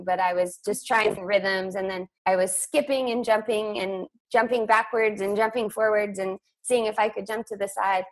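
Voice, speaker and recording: A middle-aged woman, a guest in a casual conversation, telling an everyday story in a chatty way. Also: mid-range voice.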